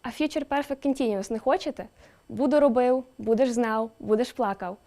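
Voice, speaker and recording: A female presenter reads a scripted educational explainer at a slightly raised pitch and normal speed. She keeps it lively and adds emphatic rising questions.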